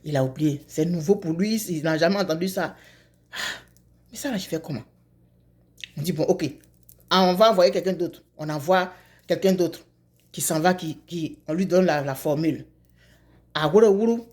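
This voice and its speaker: Woman telling a lively folk tale. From Côte d'Ivoire. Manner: lively, repetitive, drops to low asides. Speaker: storyteller.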